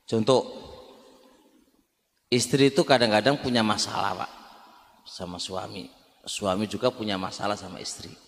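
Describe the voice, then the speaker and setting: A man's voice: fairly low pitch, steady tone, normal speed, pauses often. A man with an East Javanese accent giving an Islamic study lecture in a conversational way, repeating words and often turning to his listeners. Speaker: Islamic religious teacher. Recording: reverberant hall.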